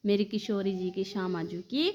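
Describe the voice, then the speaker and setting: A woman's voice: medium pitch, normal speed, a little mellow. A woman telling a devotional story, affectionately addressing her listeners as dear devotees.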